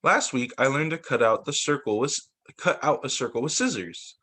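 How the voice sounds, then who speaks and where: A man reads storybooks aloud to young children as their teacher, expressive in his delivery, now and then stumbling and re-reading a phrase. His pitch is medium and his pace moderate.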